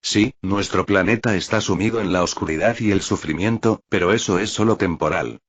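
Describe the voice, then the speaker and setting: A man's voice: deep voice, a little fast, breathy edge, no room sound. A man voicing a young male ruler who gives a solemn, commanding speech to his people. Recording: dull lo-fi recording.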